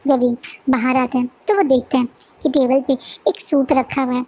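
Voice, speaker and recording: High-voiced woman casually retelling a story. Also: fairly even intonation, normal speed, a little mellow. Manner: chatty retelling with frequent fillers and restarts. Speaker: fanfiction narrator.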